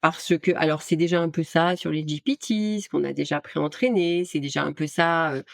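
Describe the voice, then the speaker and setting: A woman's voice: low voice, fairly even intonation, moderate pace, gravelly, no echo, studio quality. A woman guest in casual interview talk, an art director explaining her work with many hesitations and restarts.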